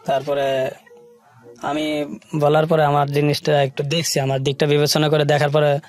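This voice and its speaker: Speaking as an interview guest, this Bangladeshi-accented man tells the story of his life in casual, broken-up little phrases. His pitch leans high and his tone stays monotone.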